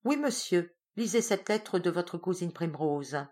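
A woman's voice: fairly low pitch, expressive, a little slow. A woman voicing an irascible aging father. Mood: distraught. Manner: loud, indignant outbursts. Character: irascible aging man, lonely rich father.

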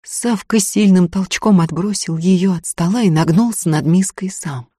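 A woman narrating an audiobook with expressive storytelling. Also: fairly low pitch, normal speed, breathy edge, no room sound, studio quality.

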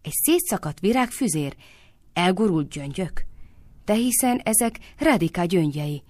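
A woman's voice: on the low side, expressive, darkish tone, no echo. A woman voicing a scheming, suspicious woman who shrilly scolds and accuses. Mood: scolding. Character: scheming suspicious old woman, quick to anger.

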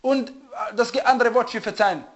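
A man giving a religious lecture who often stops to search for the right word and checks whether listeners follow. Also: very high voice. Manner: often pauses to search for German words; asks listeners to confirm they follow. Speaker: religious teacher. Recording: dull lo-fi recording.

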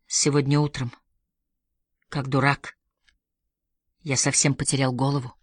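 A woman reading an audiobook, voicing a hesitant, guilt-ridden young man in a low, muted voice. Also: flat delivery, unhurried, slightly rough, no room sound, clean studio sound, heavily acted. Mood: rueful.

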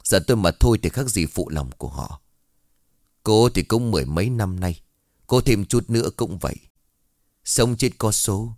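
Weary old village chief, scared but dutiful, low hushed delivery, read by the narrator, ghost-story audio. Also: male voice, lively intonation, normal speed, creaky, pauses often, no room sound, studio quality. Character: older village head, frightened but dutiful.

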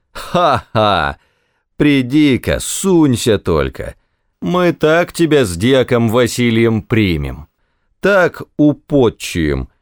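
A man's voice: medium pitch, dry recording, clean studio sound, voice pushed up. A man voicing an insolent, mocking archer captain in an audiobook story. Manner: sneering, laughing, mocking.

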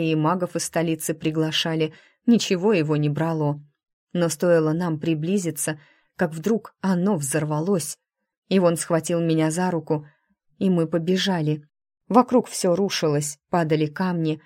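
A woman voicing a caring, protective elder sister who is gentle but firm. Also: fairly low pitch, dry recording, studio quality, close to an everyday voice.

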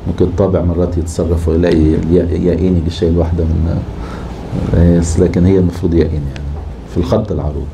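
A man with an Egyptian accent teaching Arabic prosody, scanning verse with slow, drawn-out chanting. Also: sits low, little pitch movement, vocal fry, noisy background. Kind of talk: classroom lecture scanning verse.

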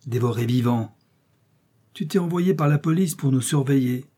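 A man's voice: medium pitch, moderate pace, dark tone, close to an everyday voice. A man reading an adventure novel aloud, voicing a burly, brutal ship captain who threatens and sneers. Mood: menacing.

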